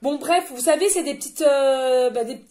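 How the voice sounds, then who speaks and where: A woman's voice: high-pitched, moderate pace, dark tone. A woman giving a channeled card reading, effusive and chatty, talking straight to her viewers. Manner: addresses listeners directly and often. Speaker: tarot and oracle card reader.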